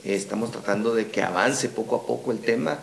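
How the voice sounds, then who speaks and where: A man's voice: fairly low pitch, a little fast, creaky, echoey room. A man with a Guatemalan accent, a guest in a casual podcast conversation about running a dubbing studio, who tells his story with animation and keeps checking in with "¿verdad?". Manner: animated storyteller who acts out quoted replies, tags lines with "¿verdad?".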